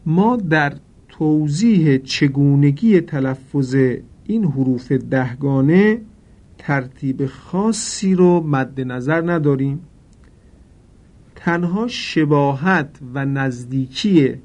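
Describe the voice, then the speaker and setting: A man teaching correct pronunciation for Quran recitation, addressing listeners formally and drawing out example words slowly and carefully. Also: mid-range voice, darkish tone. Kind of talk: instructional lesson.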